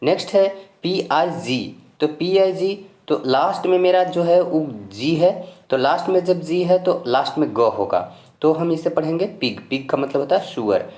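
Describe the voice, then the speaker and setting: A teacher from India patiently walks learners through a pronunciation lesson step by step, spelling words letter by letter, repeating every rule and offering constant reassurance. The voice is mid-range, moderately paced and a little mellow, with a roomy echo in the recording.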